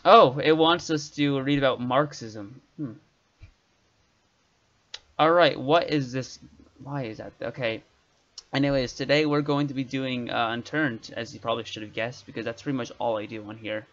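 A man chats loosely while streaming a survival game, losing his train of thought and trailing off. His voice sits at an everyday middle pitch. The stream audio sounds dull and muffled. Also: normal speed, fairly bright tone. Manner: rambling, trails off mid-sentence. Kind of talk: casual gameplay chat.

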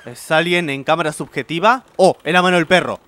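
A man's voice: fairly high pitch, fairly quick, fairly bright tone, dry recording. A young man with a Rioplatense Spanish accent commenting nervously on a horror game, yelping at the scares. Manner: jumpy, nervous, yelps at scares. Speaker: gameplay streamer.

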